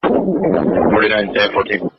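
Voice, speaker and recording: A man's voice: fairly low pitch, sing-song, slow pace, creaky, slightly rough, no room sound. A man speaking as a police officer at a scene, giving clipped, businesslike calls over a walkie-talkie. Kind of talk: terse police radio calls. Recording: archival lo-fi police radio.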